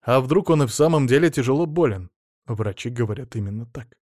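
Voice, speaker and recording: A man's voice: medium pitch, animated, fairly quick, darkish tone, no room sound, clean studio sound. Man narrating an audiobook. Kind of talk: scripted narration.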